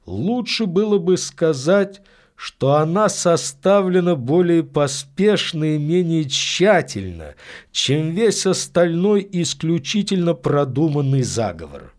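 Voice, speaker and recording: A man's voice: fairly high pitch, big pitch swings, slow, darkish tone, voice pushed up. A man doing an earnest, lecturing priest. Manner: earnest, explanatory, matter-of-fact. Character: calm, insightful middle-aged priest.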